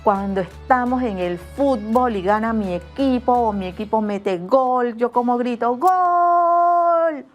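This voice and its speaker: A middle-aged schoolteacher, explaining grammar in a remote class and acting out example phrases in different tones. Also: female voice, fairly high pitch, unhurried, few pauses, muffled recording, soft background music. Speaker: school teacher.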